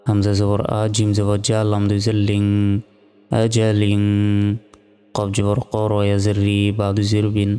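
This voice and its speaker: Male Quran reading tutor, deep smooth voice, flat steady delivery, reverb and faint music behind. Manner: slow, measured letter-by-letter spelling. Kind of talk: spelling out Arabic letter by letter.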